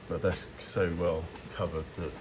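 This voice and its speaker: A man chatting casually in a garage workshop about restoring a car, relaxed and rambling as he explains plans. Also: deep voice, normal speed, noisy background. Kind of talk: casual chat while working on a car.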